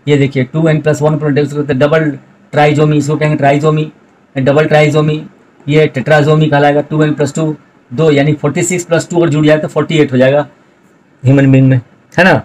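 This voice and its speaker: Male biology teacher, middle-aged, flat monotone delivery, repeats terms for students. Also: fairly high pitch, a little fast, poor audio. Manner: explains step by step, repeats key terms, addresses students directly. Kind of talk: recorded video lecture explaining notes.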